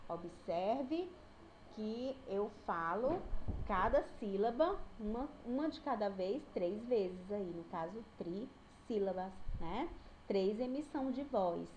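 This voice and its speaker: A woman's voice: mid-range voice, expressive, slow, darkish tone, a little hiss or hum, low-quality recording. A woman teacher with a Brazilian accent giving a recorded online lesson, patiently sounding out each syllable. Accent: Brazilian Portuguese.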